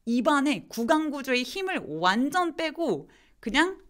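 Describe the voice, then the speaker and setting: A woman teaching English pronunciation in a live online lesson, slowly demonstrating words and answering viewer questions. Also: sits high, big pitch swings, a bit bright.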